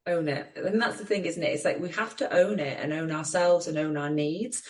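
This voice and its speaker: Low-voiced earnest woman co-host. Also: fairly quick, a little mellow. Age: middle-aged. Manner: reflective, earnest, many you-knows. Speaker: podcast co-host. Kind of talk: casual chat.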